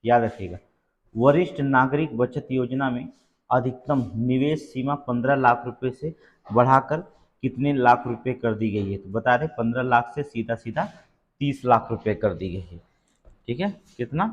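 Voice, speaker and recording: A man's voice: mid-range voice, normal speed, highs cut off. Guy going thru exam quiz questions, keeps repeating answers, checks in a lot, plain mid voice. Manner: reads questions then repeats answers, many "theek hai" checks. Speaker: exam coaching teacher. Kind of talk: exam-prep quiz lesson.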